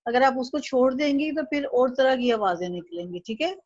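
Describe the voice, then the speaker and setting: Woman teacher, high voice, dry dull lo-fi sound, patient drilling. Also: lively intonation, a little mellow, dry recording. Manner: patient, slow drilling with repeat-after-me syllables. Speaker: Chinese language teacher. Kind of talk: online language lesson.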